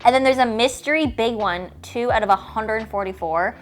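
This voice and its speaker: Here the same 29-year-old woman, a fitness creator, has a fairly high voice and talks at a normal speed. Her casual vlog Q&A and unboxing runs long and rambling, thick with fillers like "like" and "okay?". Cute little toys draw gushing, squealy delight from her.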